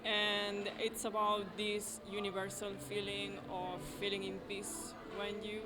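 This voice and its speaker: Flat-toned woman composer, careful speech. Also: medium pitch, measured pace, noisy background. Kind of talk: interview answers.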